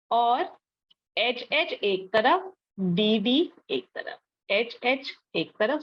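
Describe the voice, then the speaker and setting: A woman's voice: a little high, highs cut off. A young woman teaching a chemistry class online, explaining step by step and often checking that students follow. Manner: explains step by step, checks understanding with frequent tag questions.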